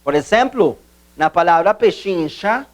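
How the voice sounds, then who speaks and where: Lively man teaching slowly. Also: high-pitched. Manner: slow, repetitive, emphatic teacher's explanations. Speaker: Portuguese teacher. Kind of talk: video lesson.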